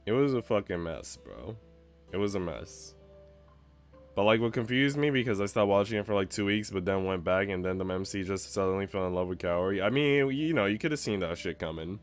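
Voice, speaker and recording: A man streams a game, chatting casually with slang and profanity in an informal way, sometimes reading visual novel narration aloud. His voice is low and brisk, with faint music in the background.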